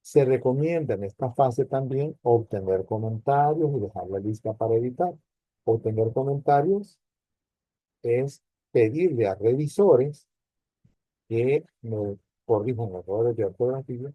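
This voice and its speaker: A male lecturer of ordinary pitch, talking students through a class in an explanatory way and often checking with them through rhetorical questions. The sound is dry and close, with no room around it, and slightly dull. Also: expressive, measured pace, no echo. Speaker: university lecturer. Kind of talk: recorded online class lecture.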